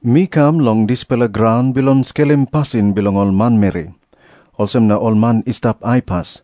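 Actor as mellow Papua New Guinean holy teacher. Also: male voice, mid-range voice, moderate pace, no echo, studio quality, natural voice. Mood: solemn. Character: calm, authoritative holy man and teacher. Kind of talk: dramatised scripture reading.

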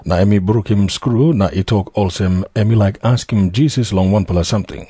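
A man's voice: lowish voice, a little fast, dark tone, husky, no room sound, clean studio sound. A man with a Papua New Guinean accent narrating scripture from a script. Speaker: Bible narrator.

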